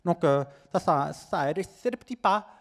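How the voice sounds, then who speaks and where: A deaf man with an American English accent in his French, presenting to an audience with slow, careful, halting articulation. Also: fairly high pitch, animated. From California, United States. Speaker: start-up presenter.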